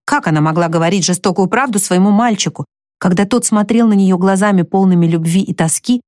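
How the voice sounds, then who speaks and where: Female audiobook narrator, steady measured reading, mid pitch, dry. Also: dry recording. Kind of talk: scripted narration.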